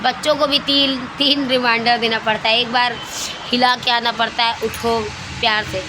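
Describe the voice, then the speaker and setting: Speaking at a moderate pace in a level, somewhat high voice, this middle-aged woman from India talks casually about her everyday routine. She's a lifestyle vlogger, homemaker and mother who tends to repeat herself and search for words. Background ambience and traffic noise come through clearly.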